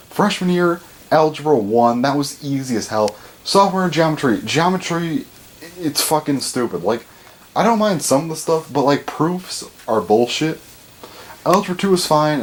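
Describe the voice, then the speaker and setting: This seventeen-year-old vlogger rambles casually, full of fillers and the occasional swear word. His pitch jumps up whenever he stresses a word.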